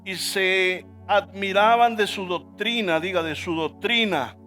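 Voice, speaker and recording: A man's voice: sits high, measured pace, sharp tone, faint music behind. A male pastor preaching a sermon in church, emphatic, often asking the congregation to repeat words after him.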